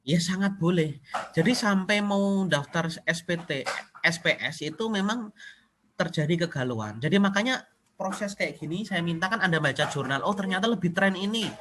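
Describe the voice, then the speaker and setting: A man with an Indonesian accent, a university lecturer teaching an online class in a relaxed, conversational way, mixing casual slang into his explanations and checking whether students can hear him. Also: a little high, moderate pace, noisy background. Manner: repeatedly asks if he can be heard.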